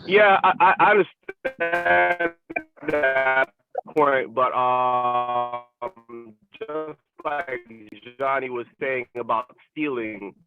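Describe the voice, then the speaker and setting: Man on a choppy call breaking up. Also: medium pitch. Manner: halting, hesitant. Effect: video call audio breaking up and cutting out. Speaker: meeting participant on a call. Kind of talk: open forum comments. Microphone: remote video call. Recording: tinny choppy call line with guitar music.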